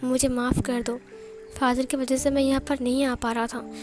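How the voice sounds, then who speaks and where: A woman voicing a devoted young man who pleads softly with his beloved in a read-aloud story. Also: high voice, little pitch movement, moderate pace, soft background music, close to an everyday voice. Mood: tender.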